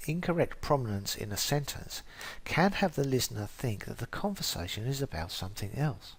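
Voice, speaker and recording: A man, an English teacher, reading a prepared explanation as scripted narration in a careful, even way. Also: medium pitch.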